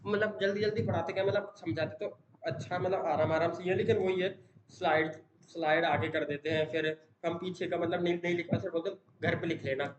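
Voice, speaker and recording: A young man, a student, chatting casually in a daily study vlog, rambling with many fillers and tag questions and saying he talks fast. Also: high voice, steady tone. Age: young adult. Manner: says he talks fast, in one breath. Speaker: exam student vlogger. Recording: echoey room, dull sound, noisy background.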